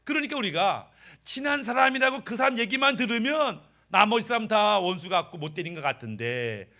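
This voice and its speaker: A male pastor preaching a Sunday sermon, animated, swinging between a raised voice and quiet asides. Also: high-pitched, moderate pace.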